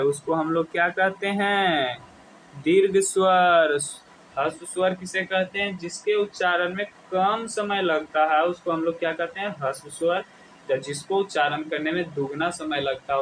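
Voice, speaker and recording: A man teaching a Hindi grammar lesson for exam prep, asking questions and answering them himself, and slowly stretching words out as he goes. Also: high-pitched, steady tone, a bit bright, a little hiss or hum, poor audio.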